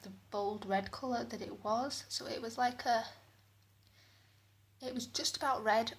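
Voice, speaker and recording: British woman vlogging in an echoey bathroom. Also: a little high. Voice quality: echoey sound. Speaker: beauty vlogger. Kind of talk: casual product review to camera. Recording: echoey bathroom, clear background noise.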